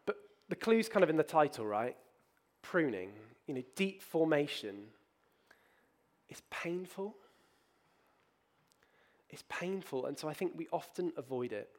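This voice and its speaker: A man's voice: fairly high pitch, very animated, a little slow, pauses often. A man preaching a sermon in a conversational, candid way, with frequent fillers and self-deprecating asides. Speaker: pastor.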